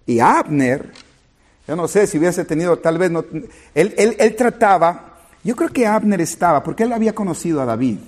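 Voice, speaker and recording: A man's voice: high-pitched, normal speed. A man preaching a sermon to his congregation, retelling a scripture story and speaking to his listeners directly. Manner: animated, rising and falling, retelling scripture with quoted dialogue.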